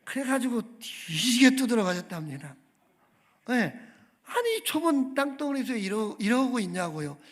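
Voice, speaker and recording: A man's voice: very high-pitched, big pitch swings, normal speed. A man preaching a sermon as a guest pastor in a church, emphatic, calling for amens and putting questions to the congregation. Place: church sanctuary.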